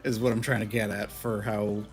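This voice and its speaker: A man's voice: fairly low pitch, little pitch movement, moderate pace, faint music behind. A man chatting casually and improvising as a player in a tabletop game.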